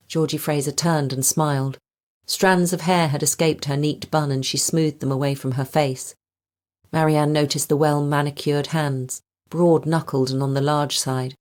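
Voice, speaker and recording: A woman reads a crime novel aloud with measured, even storytelling. Her voice sits remarkably low for a woman. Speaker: audiobook narrator. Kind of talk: scripted narration.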